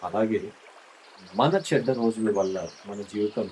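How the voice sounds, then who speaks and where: Warm, tender middle-aged man. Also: lowish voice, a little slow, slight background noise. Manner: tender, intimate, coaxing tone addressed to a spouse. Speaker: storyteller speaking as a husband. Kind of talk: scripted heartfelt monologue.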